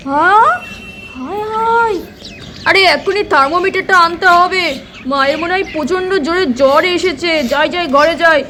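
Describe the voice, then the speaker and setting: A woman's voice: extremely high pitch, moderate pace, pushed and bright, slight background noise. A woman voicing a grumpy, skeptical father who scoffs and scolds in a doll cartoon. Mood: alarmed.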